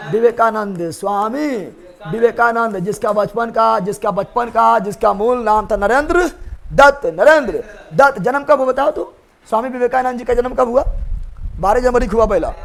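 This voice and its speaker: A man teaching a general knowledge revision class, drilling students with call-and-response and teasing them in colloquial speech. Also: very high voice.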